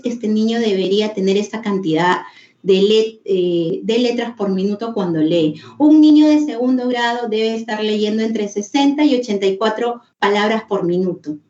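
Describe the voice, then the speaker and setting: A woman's voice: medium pitch, a little mellow. A woman with a Peruvian Spanish accent giving an online teacher-training lecture, explaining step by step and repeating phrases for emphasis. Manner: explanatory, repeats phrases for emphasis, acts out a child sounding out a word. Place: home or office on a video call. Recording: roomy dull online session audio.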